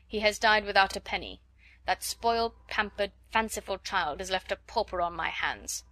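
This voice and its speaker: A woman's voice: medium pitch, normal speed, fairly bright tone, no room sound, close to an everyday voice. A woman reading as a fierce, cold headmistress. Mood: furious. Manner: cold, commanding, scornful. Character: stern, fierce middle-aged headmistress.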